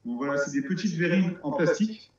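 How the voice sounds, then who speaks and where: A man's voice: on the high side, animated, a little fast. A man from France, an amateur frog breeder, explaining his hobby in a casual interview, hesitant with many restarts. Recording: roomy, dull sound.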